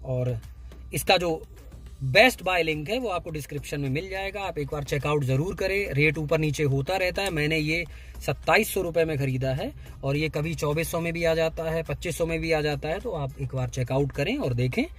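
Man, fairly high voice, casual step-by-step product demo, inside a car, music behind. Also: fairly quick, fairly bright tone. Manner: explains step by step, points at parts. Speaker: YouTube channel host.

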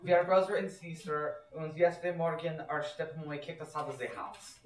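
A man's voice: fairly high pitch, steady tone, fairly quick, close to an everyday voice. A man playing Hansel with a fake German accent. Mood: explaining. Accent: put-on German. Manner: stiff, formal phrasing. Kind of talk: amateur school stage comedy. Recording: echoey room from far off.

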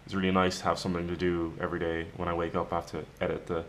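A man in his twenties chatting casually to the camera at home, sounding tired and low-key, rambling with pauses. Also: monotone, slight background noise. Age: 20s. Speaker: daily vlogger. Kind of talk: casual vlog chat to camera. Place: home kitchen-living room, indoors. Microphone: camera at arm's length.

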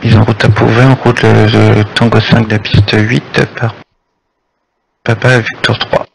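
A man's voice: lowish voice, flat delivery, measured pace, vocal fry. A man speaking as an airline pilot, reading back radio phraseology over a pilot headset on a noisy radio link. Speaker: airline pilot in online flight simulation. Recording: noisy, clicky radio transmission.

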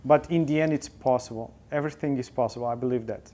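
This forties-aged photojournalist, Portuguese-accented, talks fast at a medium pitch with a mellow tone over slight background noise. Seated in a studio with a sofa and wearing a lapel mic, he answers interview questions thoughtfully, often hesitating with fillers.

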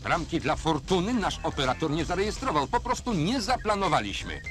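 A man's voice: on the high side, very animated, a little fast. A man giving wry, matter-of-fact narration in the style of a 1970s newsreel. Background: loud music.

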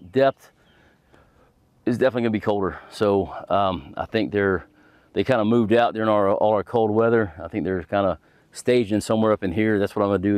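Folksy man, low voice. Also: darkish tone, no echo. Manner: folksy, rambling, full of fillers. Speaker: fishing channel host. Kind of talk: casual instructional talk. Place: outdoors on a boat on a lake.

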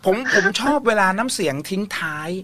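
A man's voice: sits high, lively intonation, a little fast, slight background noise. Guy hosting a ghost story radio show, chill casual chat, lots of mm-hmms. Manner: warm, encouraging, many soft hums. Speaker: host.

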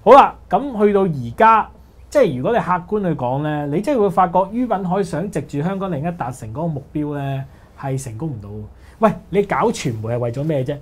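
A man with a Hong Kong Cantonese accent, co-hosting a casual panel talk show, brisk and opinionated. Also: on the high side, lively intonation. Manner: brisk, opinionated, says "喂" often. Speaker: co-host.

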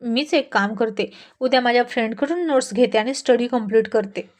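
A woman's voice: a little high, brisk, lightly acted. A woman voicing a lazy college-age daughter who complains and pouts, read as part of a spoken story. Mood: complaining. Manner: complaining, whiny.

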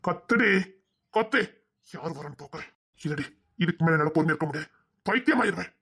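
Woman doing a clingy obsessive young guy, talks super fast, begs then gets menacing. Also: low-pitched, lively intonation, a bit bright, breathy edge, exaggerated voice. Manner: pleading and possessive, fast. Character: obsessive young man, pleading and threatening. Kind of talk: web drama acting.

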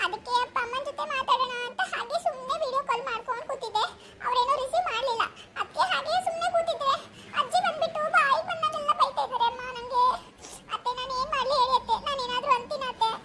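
A woman's voice: very high-pitched, fast talker, sharp tone, a little hiss or hum. A woman voicing a timid, weepy young daughter-in-law, complaining plaintively in a comic sketch.

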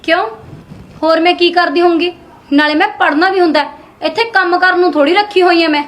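A woman's voice: very high voice, fairly even intonation, quick pace, fairly bright tone. A young woman playing a spoiled college-going daughter who snaps back at her sister-in-law and begs her father for money. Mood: snappy. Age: young adult. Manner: snappy, talks back. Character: spoiled, vain, sharp-tongued young daughter. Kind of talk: Punjabi short-film acting.

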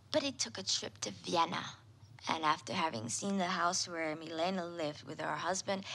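A woman's voice: on the low side, fairly bright tone. An actress playing a candid, wry engaged woman who talks frankly.

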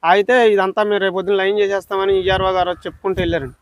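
A man's voice: high voice, flat delivery, very fast, dry recording. A man hurriedly recounting a dispute to reporters outdoors, agitated and quoting others. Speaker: complainant. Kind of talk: rapid account to reporters.

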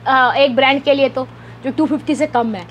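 A woman in her thirties, a shop owner in a clothing warehouse, briskly pitching her stock and deals. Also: slight background noise. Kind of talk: sales pitch. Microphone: lapel mic.

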